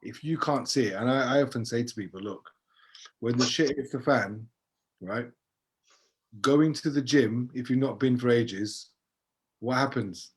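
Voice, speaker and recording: A man in conversation who speaks emphatically, pressing his point with rhetorical questions in a motivational manner. His voice sits at an ordinary mid pitch. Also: unhurried, pauses often, a little hiss or hum. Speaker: interviewer and coach. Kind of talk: conversational interview.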